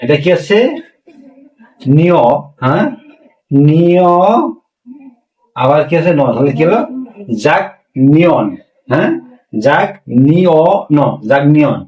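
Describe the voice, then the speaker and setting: A man teaching a language class, asking rhetorical questions and slowly repeating words for learners. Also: a little high, muffled recording. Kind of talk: classroom-style language lesson. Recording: echoey room, voice a bit far from mic.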